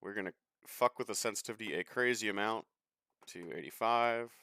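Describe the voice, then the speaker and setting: A man's voice: fairly low pitch, brisk, sharp tone, clear, resonant tone. Chatty, profane young man streaming a race. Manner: chatty, swears freely, offhand and joking. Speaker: sim racing streamer. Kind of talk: casual live-stream commentary while racing.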